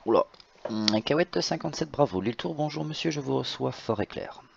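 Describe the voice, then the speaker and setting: Male sim tower controller: husky, fry-laden, hesitant procedural calls, muffled lo-fi audio. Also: medium pitch, animated, brisk. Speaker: tower air traffic controller in online flight simulation. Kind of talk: procedural radio instructions with informal asides. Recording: slightly dull lo-fi voice-chat audio.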